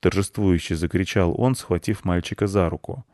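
A man calmly narrating a scripted children's story. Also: deep voice, normal speed, no room sound, clean studio sound. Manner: calm, even storytelling.

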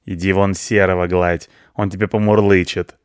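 A man voicing a lazy, grumpy ginger tomcat in a storybook, with a slow, sulky drawl. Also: low-pitched, level tone, clear, resonant tone, no echo, clean studio sound, lightly acted. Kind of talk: audiobook character voice.

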